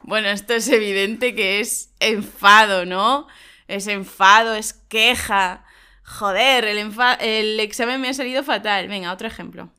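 A woman from Spain, co-hosting a lesson and explaining slang to learners in a lively, emphatic way. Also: medium pitch, unhurried, clean tone. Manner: lively, emphatic, laughs often. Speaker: Spanish teacher and co-host.

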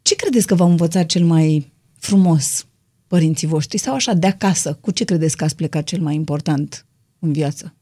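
A woman from Romania hosting a casual podcast, chatty and firing off quick follow-up questions. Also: sits low, warm tone. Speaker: host.

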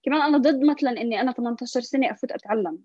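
Casting: young female interview guest, Levantine Arabic accent, high voice, rapid halting delivery. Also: darkish tone, no echo, dull audio. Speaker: podcast guest. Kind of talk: conversational interview with English loanwords.

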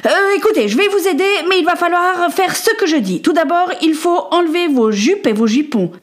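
A woman's voice: very high voice, lively intonation, brisk, pitched above the performer's own voice. A woman voicing a brave, practical young boy who gives firm, earnest instructions in a storybook reading. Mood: urgent.

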